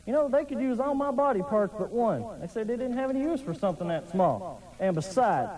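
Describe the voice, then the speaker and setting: A man's voice: sits high, sing-song, brisk, dark tone, poor audio. A man playing a goofy, dim-witted, lecherous sidekick in campy horror host comedy, with silly wisecracking patter.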